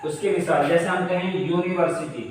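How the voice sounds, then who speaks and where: A man teaches a grammar lesson in a fairly high voice, heard from a distance across the room. His speech rings out in a strongly echoing space with a long tail of reverb. He explains patiently, going over each point again and asking his class questions. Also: steady tone, moderate pace, a little hiss or hum. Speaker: English teacher. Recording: echoey room from far off.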